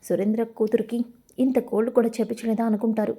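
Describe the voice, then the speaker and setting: A woman's voice: fairly high pitch, little pitch movement, quick pace, dark tone, slightly rough. A woman voicing a rich, condescending mother who looks down on others. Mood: haughty. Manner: condescending, showy.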